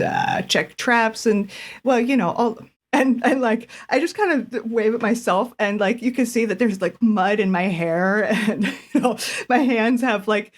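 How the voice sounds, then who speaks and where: A woman's voice: medium pitch, close to an everyday voice. A woman voicing a young nature preserve intern who rambles and hesitates, with plenty of fillers and restarts, in a tabletop role-play.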